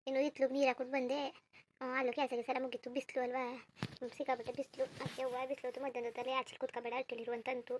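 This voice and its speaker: This is a gentle, lonely teenage village girl from a cartoon, voiced by a woman. She speaks softly and plaintively. Her voice sits high and rather flat, and she talks quickly. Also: slight background noise, lightly acted. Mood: glum. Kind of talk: cartoon voice acting.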